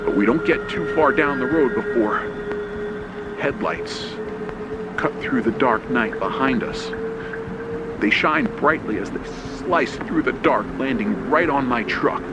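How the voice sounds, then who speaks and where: A man narrates his own horror story like a vintage radio play, tense and suspenseful, keeping his phrases short and clipped. His mid-range voice holds a measured pace, and the recording is very noisy with loud rain, thunder, storm and vehicle engine effects.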